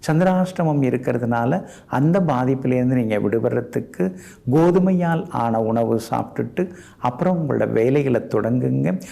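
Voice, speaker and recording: A man's voice: medium pitch, lively intonation, measured pace, creaky, dark tone. A man giving a daily horoscope as an astrologer, in a polite, advising way. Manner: polite and advising, ends sentences with respectful "ங்க".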